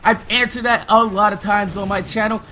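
A man's voice: sits high, steady tone, a little fast, sharp tone, a little hiss or hum. A man, talking casually and candidly over gameplay, rambling and swearing freely. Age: 20s. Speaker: gaming YouTuber.

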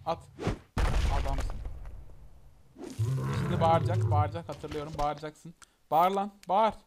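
A man's voice: fairly high pitch, fairly even intonation, unhurried. A young man giving casual commentary on a game he is playing, talking back at the screen, urging it on and grumbling. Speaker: gameplay commentator. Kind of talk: casual let's-play commentary. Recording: loud background noise.

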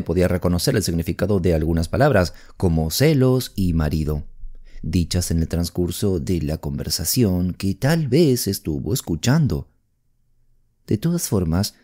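A man narrating a mystery audiobook in an expressive storytelling manner. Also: lowish voice.

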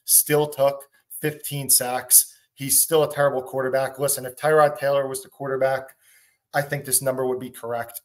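A man on a betting panel lays out his football pick and backs it with numbers in a matter-of-fact way. His voice sits at a medium pitch, and he drops in the odd joke. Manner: stat-heavy, matter-of-fact, joking asides. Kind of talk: casual sports betting analysis.

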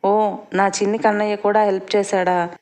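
A caring working mother with a gentle, reassuring way of speaking, read out by a woman narrator. She talks kindly and steadily in an everyday voice, with a voice of middling pitch for a woman. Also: little pitch movement, normal speed, natural voice.

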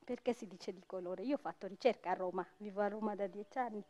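A woman's voice: medium pitch, quick pace, warm tone. A woman storyteller and writer on a theatre stage, reading a tale expressively and speaking directly to the audience. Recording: dull lo-fi stage recording with faint music.

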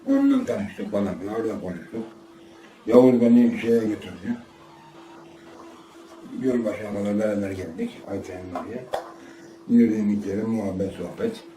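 An older man from Ardahan in northeastern Turkey rambles through a casual spoken memoir as an interview subject, repeating himself and acting out quoted dialogue. His lowish, mellow voice is animated, moderately paced, and full of pauses. He's recorded from a distance in a roomy space with faint ambience and a slight hiss or hum.

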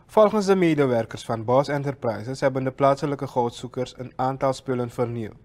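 A man reading scripted news narration in a measured, formal way. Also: mid-range voice, darkish tone. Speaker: news reporter.

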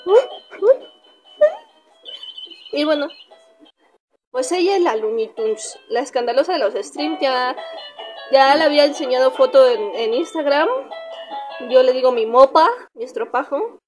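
A woman's voice: high-pitched, normal speed, soft background music. A young woman with a Mexican Spanish accent, casually chatting in a pet vlog and cooing at her dog. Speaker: vlogger.

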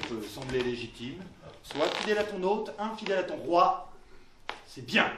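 A man's voice: on the high side, a bit bright. An actor playing a proud, jealous young king in classical verse theatre. He swings from cold restraint to roaring threats. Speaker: stage actor. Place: theatre stage. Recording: echoey stage, distant mic, faint hiss.

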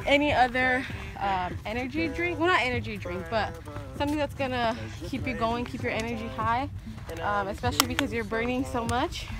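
A young woman in her twenties giving fitness tips while walking a hillside trail, talking casually with many "um" fillers. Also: a little high. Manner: chatty, lots of "um" fillers. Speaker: fitness vlogger. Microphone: camera carried alongside while walking.

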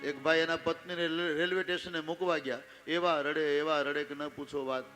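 A Ram Katha preacher with a Gujarati accent delivers a devotional sermon with sung verses, telling the story expressively and addressing his audience directly. His voice is a little high, brisk, bright, and forceful, with little pitch movement and faint music behind.

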